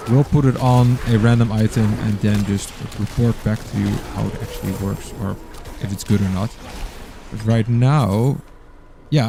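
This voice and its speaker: A Dutch man from the Netherlands streams games and offers casual commentary in a medium-pitched, gravelly, slightly mellow voice. He rambles and sometimes hunts for words, with a faint hiss or hum in the recording.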